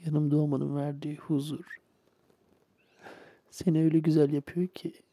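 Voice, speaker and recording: A man speaking softly and tenderly, as if lulling a partner to sleep in an intimate bedtime roleplay. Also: fairly high pitch, little pitch movement, dry recording. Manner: soft, slow, tender, murmuring to a partner.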